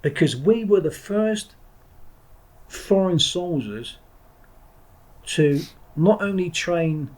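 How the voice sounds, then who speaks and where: This former Marine trainer from England, middle-aged, talks reflectively as a podcast guest in a high, expressive, slightly mellow voice. He speaks slowly with long pauses on a rough recording, wandering off topic bluntly, restarting frequently, and throwing in the odd swear word.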